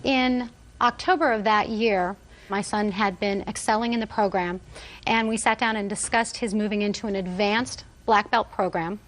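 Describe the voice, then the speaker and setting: A woman testifying as a plaintiff in a TV court, speaking in a formal, precise and measured manner. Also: mid-range voice, fairly even intonation.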